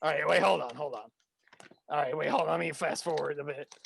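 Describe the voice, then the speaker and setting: Man putting on gravelly sleazy wrestler. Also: fairly high pitch, a little fast, a bit bright, slight background noise, voice pushed down, low-quality recording. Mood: boastful rambling. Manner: rowdy, crude, rambling and stammering. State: tipsy from shots. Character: crude drunken sleazy male wrestler persona.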